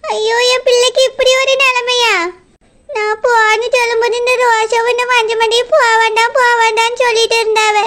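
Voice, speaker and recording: A high, bright cartoon voice of a sharp-tongued old grandmother, as a woman puts her on. She scolds and laments in a broad Tirunelveli accent. Her tone is bossy throughout. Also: little pitch movement, normal speed. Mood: scolding, lamenting. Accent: Tirunelveli Tamil.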